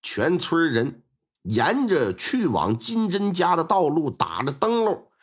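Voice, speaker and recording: A man telling a traditional crime story aloud in a lively, colloquial manner, stretching out the particles at the ends of his phrases. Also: fairly high pitch, husky. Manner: lively, colloquial, with drawn-out sentence-final particles. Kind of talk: Chinese storytelling performance.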